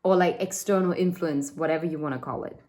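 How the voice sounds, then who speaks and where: A woman with a fairly low voice talks her way through a tarot spread. Her delivery is loose and chatty, full of fillers and side remarks. She speaks from a room beside a window. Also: steady tone, fast talker, darkish tone. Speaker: tarot reader. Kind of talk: casual tarot reading.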